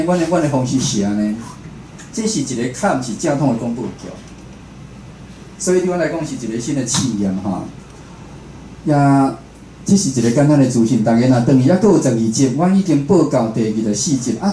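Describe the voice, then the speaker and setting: A radio host with a Taiwanese accent gives an informal public lecture to an audience in an indoor room, speaking conversationally, repeating phrases, and asking his listeners questions. His mid-range voice is dark, with roomy echo and faint background noise.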